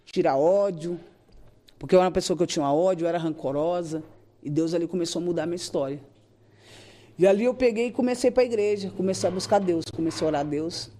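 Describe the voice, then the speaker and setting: A woman tells an emotional religious testimony. Her voice is mellow and a touch dark. She talks earnestly and acts out her own prayers as she goes. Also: lowish voice, fast. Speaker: guest giving a church testimony.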